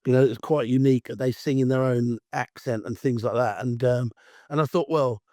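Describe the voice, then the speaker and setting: A middle-aged man from Essex with an Essex accent and a croaky, hoarse voice from allergies, talking as a guest in a rambling, chatty way. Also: medium pitch, fairly even intonation, normal speed, dry recording, clean studio sound. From Essex, England. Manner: rambling, chatty, self-styled loudmouth. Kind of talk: casual interview chat.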